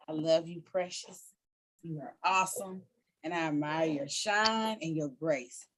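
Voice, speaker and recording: A woman on a video call giving sincere, soft praise to a friend. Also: deep voice, rough recording. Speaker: group member.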